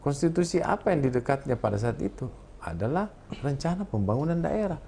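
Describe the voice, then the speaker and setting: A man with a South Sulawesi Indonesian accent speaks in a mellow, warm tone on a political talk show. He lectures earnestly, setting out his points in ordered lists. Faint noise hums behind him. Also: fairly high pitch, big pitch swings, fairly quick, creaky. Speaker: political party campaign official, guest.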